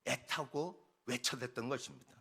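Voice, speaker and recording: A male pastor giving an early-morning sermon, rising to loud exhortation and then dropping to quiet, intimate tones. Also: medium pitch, moderate pace, slightly rough.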